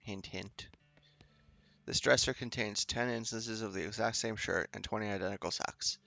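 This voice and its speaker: Gravelly man narrating a game. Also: lowish voice, normal speed, no room sound, faint music behind. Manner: relaxed, reads text then adds quips. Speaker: game let's-play host. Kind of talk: casual gameplay narration, reading game text aloud.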